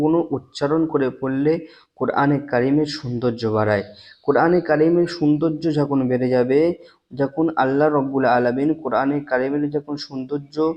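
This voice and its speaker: A man teaching Quran letter pronunciation as a religious lesson, earnest, slowly repeating each letter sound for the learners to copy. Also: on the high side, a little mellow.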